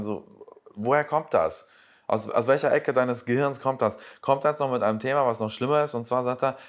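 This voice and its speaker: A man giving casual reaction commentary, sarcastic and exasperated, rambling as he picks apart what he watches. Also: medium pitch.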